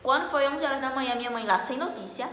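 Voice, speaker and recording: A young woman, casually telling a story to camera in an animated, dramatic way. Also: high voice, fast talker, a little hiss or hum. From Northeast Brazil. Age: late teens. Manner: animated, dramatic, acts out dialogue loudly. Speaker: vlogger. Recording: echoey room with long reverb.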